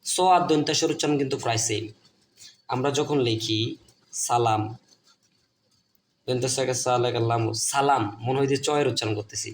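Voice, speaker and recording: A man's voice: mid-range voice, fast talker, slight background noise. A man with a Bangladeshi Bengali accent, teaching a lesson at a board, repeating each point and asking and answering his own questions.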